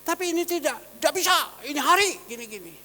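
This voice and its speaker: A man pastor preaching a sermon, shifting between loud exhortation and quiet storytelling. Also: extremely high pitch, lively intonation, quick pace, long reverb tail. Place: church hall.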